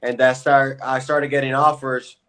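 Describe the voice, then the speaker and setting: A man from Puerto Rico in his thirties talks through his career as an interview guest. His voice stays flat and level, and he speaks in an easygoing, unhurried way. His pitch sits in a middle register. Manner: laid-back, relaxed storytelling with fillers. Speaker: guest, pro basketball player. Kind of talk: casual interview chat.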